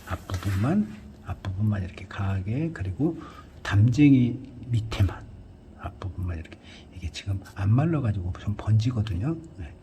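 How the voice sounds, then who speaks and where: A man giving a calm painting lesson, talking through each brushstroke and often dropping to a near whisper. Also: lowish voice, slight background noise. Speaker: art instructor. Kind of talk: painting tutorial narration.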